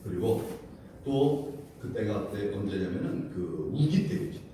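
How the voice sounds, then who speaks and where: A man preaching in a church with a mellow, dark voice that swings widely up and down. He keeps questioning his congregation and tells the story with animated energy. The sound is very echoey and comes from a distant mic, with a faint hiss underneath. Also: on the low side, unhurried. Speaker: pastor. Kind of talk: wednesday prayer service sermon. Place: church sanctuary.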